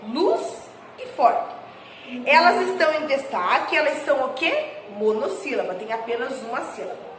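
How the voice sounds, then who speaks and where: A high-pitched woman with a Brazilian Portuguese accent gives a lesson to young pupils. She reads sentences slowly, leaning hard on each word. The recording has a roomy echo, a long reverb tail and faint ambience behind her. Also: expressive, a bit bright, slight background noise. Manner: slow, stressed words when reading sentences aloud. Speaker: teacher. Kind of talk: recorded class lesson for children. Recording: echoey room with faint ambience.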